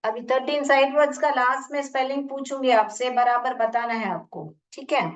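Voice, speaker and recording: A woman with an Indian accent teaching English phonics in an online class, repeating sounds slowly and asking questions. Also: sits high. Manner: slow, repeats sounds and words, asks questions. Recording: muffled, distant from the mic.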